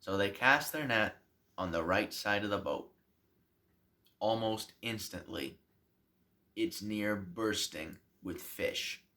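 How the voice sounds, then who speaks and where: A man, a pastor, telling a Bible story to children in a slow, deliberate way. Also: on the low side, bright, forceful tone.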